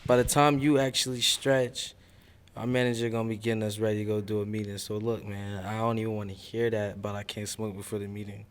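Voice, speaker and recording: A man's voice: fairly low pitch, level tone, fairly quick, smooth. A man in a rap crew, laid-back and joking as he talks in a group interview. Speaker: rapper, crew member.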